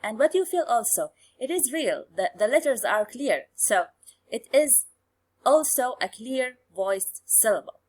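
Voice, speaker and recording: A woman teaching English phonics in a bilingual lesson. She explains slowly and repeats key terms. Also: a little high, sing-song, darkish tone, slightly rough. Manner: slow, repetitive explanation, switching to quick colloquial Arabic recaps.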